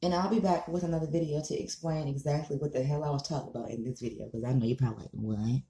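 This online commentary vlogger, an American woman in her thirties, speaks quickly in a low, warm voice with fairly even intonation. Her casual rant to camera is blunt, emphatic, repetitive and full of swearing, recorded in an echoey small room with slight background noise.

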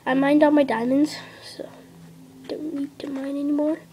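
Casual gameplay commentary comes from a high-voiced young girl who rambles at a moderate pace with flat delivery, leaning on "like" and sinking into half-whispers. She vlogs indoors at a table, a device camera filming the handheld screen, with noise in the background.

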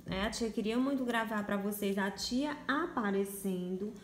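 A woman's voice: medium pitch, normal speed, echoey room, a little hiss or hum. A Brazilian woman teaching a recorded phonics lesson to young children from home, sounding out letters in a coaxing, sing-song voice. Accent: Brazilian Portuguese. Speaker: primary school teacher. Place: home room. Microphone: phone or home camera, voice only.

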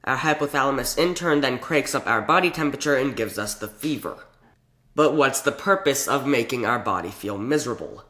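A man's voice: medium pitch, pushed and bright, roomy sound. A young man with a sick voice, narrating a scripted science explainer as the host. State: sick, hoarse voice. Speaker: educational video host.

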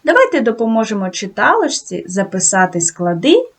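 A woman teaching a video lesson to second graders, talking slowly and sing-song and praising the children often. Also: on the high side, huge pitch swings. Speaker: primary school teacher.

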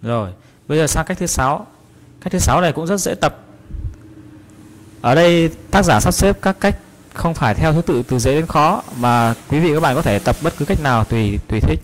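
A man from Vietnam teaching a guitar lesson, patiently calling out strum patterns and repeating them slowly. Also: fairly high pitch, lively intonation. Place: guitar class room.

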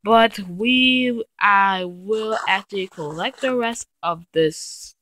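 Bright-voiced woman narrating her gameplay. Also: mid-range voice, takes it slowly. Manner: chatty and excitable, easily frightened, talks to viewers. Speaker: let's play gamer. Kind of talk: casual gameplay commentary.

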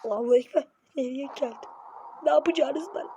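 A woman giving excitable, slangy reaction commentary as a YouTuber, yelping whenever something scares her. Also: high voice, brisk. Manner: excitable, jumpy and slangy, yelps when scared. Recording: loud background noise.

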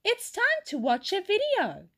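A woman playing a gentle, patient schoolteacher. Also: very high-pitched, wildly swooping pitch, measured pace, pitched above the performer's own voice, exaggerated voice. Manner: gentle, encouraging. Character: kind patient female primary teacher.

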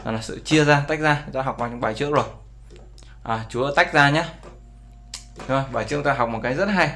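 His voice is mid-range, pushed and bright, and he speaks at a quick pace. The man records his screen to teach an English lesson, defining words amid plenty of fillers and frequent checks with his viewers.

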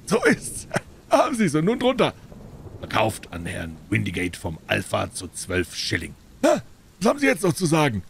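A man voicing an angry, gruff male poultry dealer in a storybook reading, shouting in a strained, raised voice. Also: mid-range voice, huge pitch swings, slight background noise, pitched above the performer's own voice. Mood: scornful. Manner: shouting, bellowing, fast.

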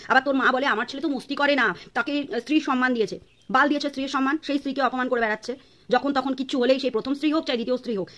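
A woman's voice: sits high, fairly bright tone. A woman vlogger from Bangladesh delivering an angry, insulting rant to camera. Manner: scolding, insulting, rapid-fire.

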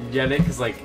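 Trash-talking guy gaming with his brother. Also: mid-range voice. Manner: trash-talking, joking, swears under his breath. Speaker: gamer playing with his brother. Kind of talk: casual gameplay banter.

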